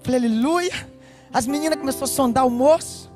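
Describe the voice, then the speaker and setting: A woman pastor with a Brazilian Portuguese accent giving an animated personal testimony, speaking straight to her listeners. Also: high voice, very fast, faint music behind. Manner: animated storytelling, addresses listeners directly. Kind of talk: personal testimony told to a congregation.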